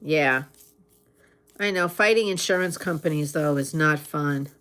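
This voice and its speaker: A woman chatting casually in an unhurried, conversational way, with pauses as she replies to listeners. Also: deep voice, a bit bright. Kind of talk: casual chat.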